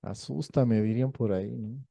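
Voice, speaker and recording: Dark-voiced pastor preaching. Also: male voice, lowish voice, normal speed, gravelly, breathy edge, no echo. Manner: lively storytelling, acting out quoted voices; jokey, laughs between points. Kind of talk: sermon.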